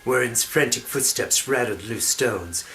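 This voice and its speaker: Slow, hammy male dramatic narrator. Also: medium pitch, gravelly, sharp tone. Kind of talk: dramatic scripted narration of a fantasy novel. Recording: music behind the voice.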